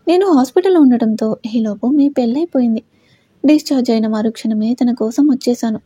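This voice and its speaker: A smug, sneering male kidnapper in an audio story, as a woman narrator puts him on, talking down to his enemies with a casual, slangy mockery. The voice sits a little high and has a dark, husky tone, recorded dry and close. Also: a little fast, no room sound. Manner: mocking, casual slangy address. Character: taunting male kidnapper, cocky and obsessive.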